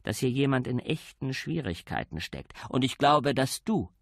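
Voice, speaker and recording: A man playing a gruff middle-aged police commander, dry and lecturing. Delivery is stern with a lively melody. Recorded dry and close. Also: medium pitch, normal speed, dry recording. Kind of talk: audiobook character voice.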